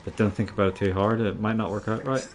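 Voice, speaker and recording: A man's voice: on the low side, level tone, fast. A man giving casual, sweary, joking gameplay commentary to a friend. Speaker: gamer playing through a video game.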